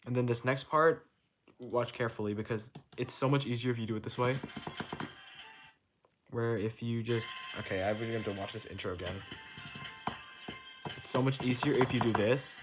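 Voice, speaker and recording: A young man talks through a rhythm game chart in a relaxed, offhand way, swearing now and then and counting beats aloud. His voice sits at an ordinary male pitch. Loud game music plays underneath him. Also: moderate pace, long pauses. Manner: laid-back, swears casually, restarts sentences; counts out note timings aloud. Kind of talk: casual tutorial commentary.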